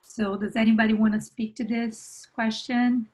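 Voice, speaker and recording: A woman moderating a panel discussion, reading out audience questions in a polite, halting way with many fillers. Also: a little high, little pitch movement, a little mellow, low-quality recording.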